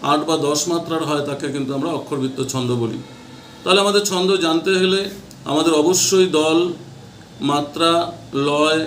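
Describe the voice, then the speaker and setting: Male tutor, somewhat high-pitched, exam-prep lecture style, repeats key terms slowly, echoey room. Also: a little hiss or hum.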